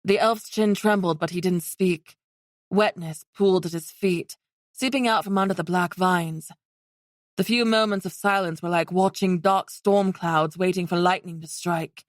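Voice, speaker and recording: A woman reading a fantasy romance audiobook in steady scripted narration. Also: on the low side, moderate pace, no echo, studio quality.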